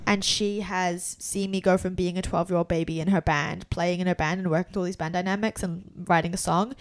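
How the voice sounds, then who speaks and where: A woman's voice: fairly low pitch, a little fast, no echo. Chatty young woman telling stories. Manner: chatty, many "like"s and restarts, animated storytelling. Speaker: podcast co-host. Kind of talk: casual chat.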